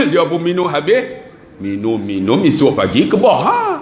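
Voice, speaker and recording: A man's voice: a little high, huge pitch swings, a little slow, reverberant, crowd noise. A man with a Malaysian Malay accent, a religious teacher giving a humorous lecture who tells a story, acts out the dialogue and laughs between lines. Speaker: ustaz, religious speaker.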